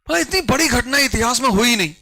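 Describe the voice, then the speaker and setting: A man teaching a history class, animated and urging his students, dropping English phrases into his talk. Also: extremely high pitch, quick pace, no room sound, poor audio.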